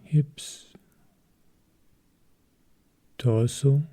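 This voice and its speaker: A male teacher guides a meditation in a medium-pitched voice with a breathy edge. He stays calm, speaking in short, measured phrases punctuated by long pauses.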